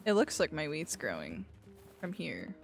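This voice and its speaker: A woman's voice: low voice, wildly swooping pitch, unhurried, gravelly, soft background music. Young woman streamer, joking and swearing. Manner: joking, swears casually, reads game text aloud. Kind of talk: casual gameplay commentary.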